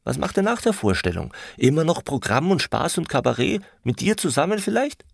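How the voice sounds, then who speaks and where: A man voicing a touchy young apprentice from the country, pitching his voice up and speaking loudly and indignantly. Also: expressive, moderate pace, creaky, slightly rough, no room sound, clean studio sound, full character voice. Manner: indignant, raised voice. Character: touchy young farm-boy apprentice, quick to anger.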